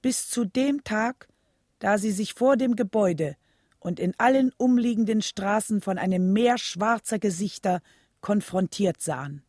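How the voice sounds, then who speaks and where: An actress playing the earnest wife of a civil rights leader, looking back in measured, solemn radio drama narration. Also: female voice, medium pitch, darkish tone, no room sound, clean studio sound, natural voice.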